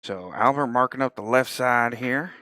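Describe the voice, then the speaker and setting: A man's voice: medium pitch, normal speed, bright, forceful tone, no room sound, rough recording. A man giving casual live play-by-play of a pool match, thinking aloud about shot choices. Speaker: pool commentator.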